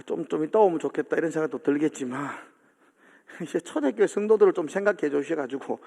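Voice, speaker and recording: A man's voice: sits high, gravelly, a little mellow. A male pastor preaching a sermon in a church, earnest and emphatic, often asking his congregation for agreement. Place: church sanctuary. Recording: long hall reverb.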